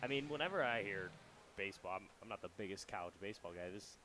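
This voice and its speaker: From a ballpark booth, a young adult man calls baseball on the radio, giving casual play-by-play and commentary. His fairly low voice moves fast, and he chats in a relaxed way full of loose fillers.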